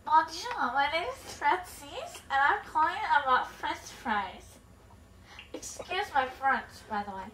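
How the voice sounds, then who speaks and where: A woman's voice: high voice, sing-song, unhurried, bright, forceful tone, full character voice. A woman playing a fake French caller named Francis in a prank phone call, often breaking into laughter. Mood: giggly. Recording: distant mic, faint noise.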